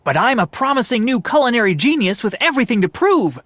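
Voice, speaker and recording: An actress playing a quirky, quick-witted young heroine in a video game, with a wry, cheeky manner. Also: female voice, on the high side, very animated, fairly bright tone, no room sound. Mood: cheeky, earnest. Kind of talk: video game character acting.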